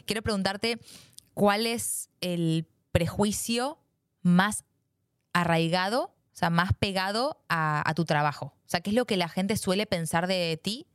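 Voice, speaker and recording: A woman's voice: lowish voice, unhurried, clean tone, dry recording, studio quality. A woman co-hosting a podcast, asking questions in an enthusiastic, supportive way. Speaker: podcast co-host. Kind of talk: casual chat.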